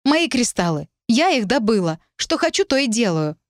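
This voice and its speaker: Lady reader doing a hot-tempered young girl from a storybook, shouty and high, dry close mic. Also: big pitch swings, normal speed, no room sound. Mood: indignant. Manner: shouting in raised pitch. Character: hot-tempered young woman student, stubborn and tearful.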